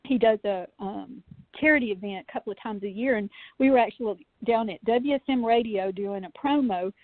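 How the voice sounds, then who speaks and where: A woman tells stories as a call-in interview guest, chatty and animated, with lots of fillers. Her voice sits fairly high. It comes through a thin, tinny phone line with no room sound. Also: fairly quick, no echo. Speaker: podcast guest, UFO researcher. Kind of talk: casual storytelling in a call-in interview.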